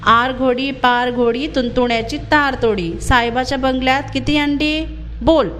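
A woman's voice: a little high, normal speed, a bit bright, a little hiss or hum, lightly acted. Fakira, a cheeky village boy, as a woman reads him. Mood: playful taunting. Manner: teasing, singsong chanting. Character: cheeky ten-year-old village boy, bossy and playful.

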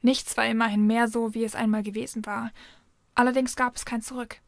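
A woman reading a fan fiction story aloud in an even, measured narration. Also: a little high, creaky, no echo, studio quality.

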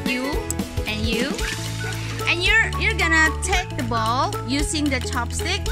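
A woman's voice: high-pitched, animated, unhurried. A woman, a mother running backyard pool games for her kids, talking casually, laughing often and slipping into phrases. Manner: cheerful, laughs often, mixes in Indonesian phrases. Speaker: mother hosting a family pool-game video. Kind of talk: casual family vlog commentary. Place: backyard lawn beside a garden pool, outdoors. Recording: loud background music over the voice.

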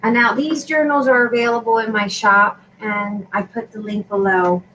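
A woman's voice: on the high side, steady tone, normal speed, fairly bright tone, recorded from a distance, a little hiss or hum, poor audio. A woman vlogger chatting casually as she shows craft supplies in a tutorial for her shop, rambling with lots of fillers.

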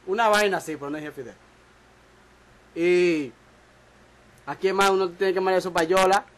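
A man's voice: sits high, fairly even intonation, normal speed, poor audio. Boastful studio producer man. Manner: boastful, joking, slangy. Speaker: music producer. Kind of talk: casual studio chat. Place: small recording studio.

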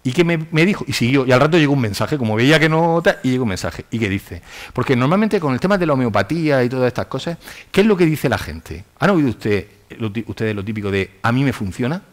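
A man giving a public science lecture in an animated, ironic way, acting out quotes in mock voices. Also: mid-range voice, fast talker. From Spain. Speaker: university lecturer. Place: lecture hall with audience.

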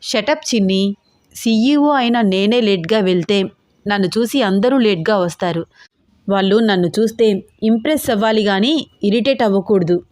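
Brief: woman doing a young male boss, brisk and teasing, curt replies, dry close sound, mid pitch. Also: darkish tone, no echo, natural voice.

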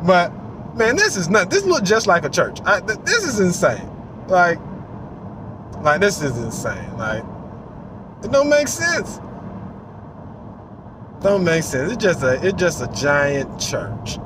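Man, 40s, casual car vlog commentary, animated, fairly high voice, very lively pitch, phone mic in a car. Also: slow pace, pauses often, background noise. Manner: animated, acts out voices, swears freely. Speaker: vlogger. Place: inside a parked car. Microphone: phone on the dashboard.

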